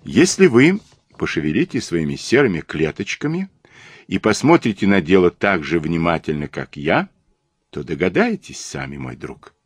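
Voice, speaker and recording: A man reading the part of a shrewd, gentle older detective who speaks softly and in a measured, knowing way. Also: sits low, big pitch swings, slightly rough, no room sound, clean studio sound, exaggerated voice.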